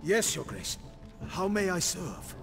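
A loyal, eager old palace hand now guarding a door in a fantasy game. His gravelly voice swoops up and down as he speaks slowly and deferentially. Game music plays behind him. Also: high-pitched, sing-song, heavily acted. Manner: deferential and eager, drawn-out phrasing. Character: loyal middle-aged male palace veteran guarding a door, eager to serve.

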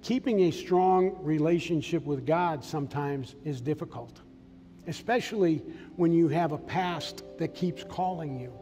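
With a slightly high, unhurried voice, an older Massachusetts preacher shares sincere, straightforward testimony from a large sanctuary stage. Soft music plays behind him, and the hall's reverb lingers long after each phrase.

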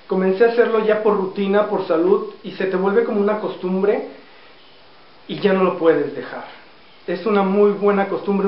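A man in his thirties with a fairly high voice talks through a casual home vlog, unhurried and full of pauses and fillers. The dull, lo-fi camera sound carries the echo of a small bare room. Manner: relaxed storytelling with many pauses and fillers. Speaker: fitness vlogger. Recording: roomy, dull lo-fi camera audio.

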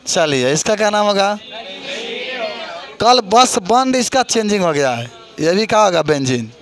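Here a middle-aged man with an eastern Uttar Pradesh Hindi accent talks in a high, animated voice without hurrying. He's leading a chemistry lesson, putting questions to the class and repeating students' answers to encourage them.

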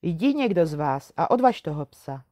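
A kind, brave young hero from a fairy tale, earnest and a little commanding, as a woman reading aloud puts him on. Low and mellow in tone, close and dry. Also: very animated, no room sound.

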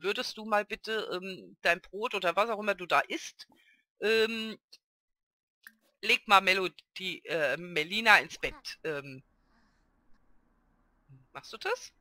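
A woman hosting a let's play, chatting excitedly through her game and talking to her characters. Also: medium pitch, no echo, clean studio sound. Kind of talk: casual gameplay commentary.

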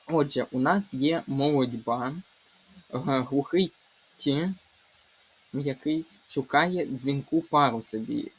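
A young man talks through exam answers like a patient tutor, at an unhurried pace. His voice has a husky edge, and he reads each option aloud before breaking it down sound by sound. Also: mid-range voice. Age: young adult. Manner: explains step by step, reading options aloud and slowly spelling out sounds. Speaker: Ukrainian language tutor. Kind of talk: exam walkthrough lesson.

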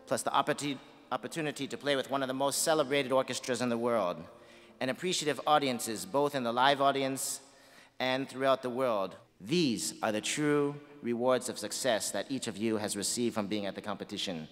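A man's voice: mid-range voice, fairly quick, a bit bright. A man giving a formal, ceremonious speech to competitors at an awards ceremony. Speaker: presenter. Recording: reverberant concert hall.

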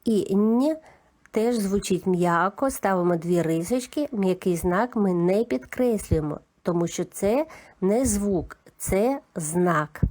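A woman giving a calm, methodical lesson for young children, naming each sound of a word one by one. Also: mid-range voice, slow pace. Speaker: teacher. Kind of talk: slow, patient children's literacy lesson.

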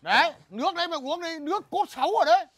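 A man's voice: extremely high pitch, animated, very fast, fairly bright tone. A stern scolding old village father. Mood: scornful. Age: older. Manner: gruff, scolding. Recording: comedy film with music behind.

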